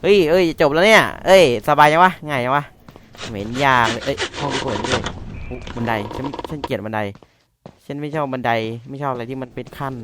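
A man's voice: mid-range voice, fairly quick, noisy background. A man playing a horror game, chatting to himself in casual commentary, jumpy and swearing when startled. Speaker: let's-play gamer.

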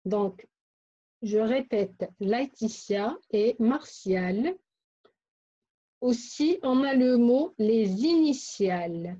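A woman's voice: on the high side, expressive, drawn-out words, warm tone, highs cut off. A woman teacher giving a phonics lesson, carefully saying and repeating words and syllables for young pupils. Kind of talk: slow, deliberate phonics lesson.

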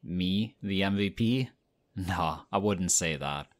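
In an audio roleplay, a man voices a young male team captain who is friendly and modest. He speaks in a low voice at a slow pace, relaxed and chatty, sounding excited and friendly.

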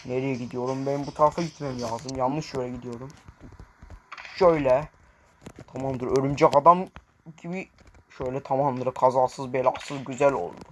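A man's voice: mid-range voice, steady tone, normal speed, a little hiss or hum. Brash young man narrating his gameplay. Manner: brash, taunting, talks to viewers and game enemies. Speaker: gameplay commentator. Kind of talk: live gameplay commentary.

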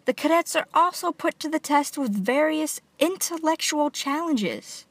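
High-pitched woman news reporter. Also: animated, a little slow, slight background noise. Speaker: public affairs reporter. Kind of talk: scripted news narration.

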